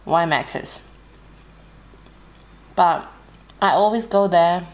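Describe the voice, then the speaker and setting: An Australian woman chatting casually while she eats, relaxed and unhurried, pausing between bites with soft hums. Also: on the low side. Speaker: mukbang vlogger. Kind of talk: casual chat while eating.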